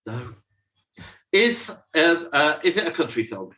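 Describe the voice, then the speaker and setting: A man's voice: on the high side, big pitch swings, a little slow, sharp tone, low-quality recording. A man co-hosting a podcast in casual chat, teasing his co-host and running the scoring. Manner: teasing, bantering, runs the scoring.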